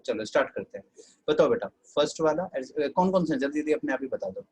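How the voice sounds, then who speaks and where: A man's voice: on the high side, animated, fast, darkish tone, husky, poor audio. A man with an Indian accent teaching an online English class, chatty and scolding students fondly.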